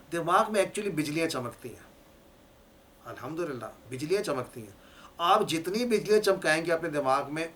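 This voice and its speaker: A man lectures to a class, explaining ideas step by step and circling back to repeat the key words. His voice sits a little high for a man. A faint hiss runs under the recording. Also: a bit bright. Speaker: teacher.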